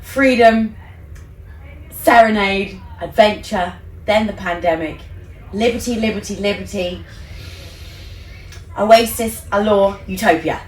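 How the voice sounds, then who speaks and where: A woman's voice: medium pitch, slow, pauses often. An English woman in her thirties chatting in an upbeat, chatty way as a cruise director being interviewed. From England. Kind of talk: casual interview chat. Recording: roomy, distant mic, faint background noise.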